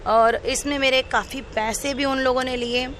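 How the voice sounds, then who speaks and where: Outdoors in a city, with faint background noise, a woman with a fairly high, somewhat bright voice gives a detailed, earnest unscripted account of her own experience in an interview. Her tone stays steady at a normal speed.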